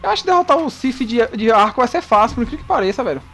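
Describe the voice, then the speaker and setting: A gaming YouTuber, giving lively live commentary while playing, yelping and teasing the enemy. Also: medium pitch, rapid-fire, soft background music. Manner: excitable, yelps and shouts at the game; talks to the enemy, playful teasing.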